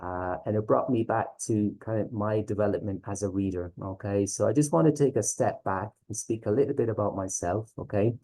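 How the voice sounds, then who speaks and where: Irish guy from the west, soft mellow low voice, teacher doing a casual slide talk, bit hesitant, keeps checking in. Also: a little fast, hardly any pauses, low-quality recording. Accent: west of Ireland. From Galway, west of Ireland. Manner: hesitant, often checking in with "okay". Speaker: teacher presenting a reading series. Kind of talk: informal online presentation.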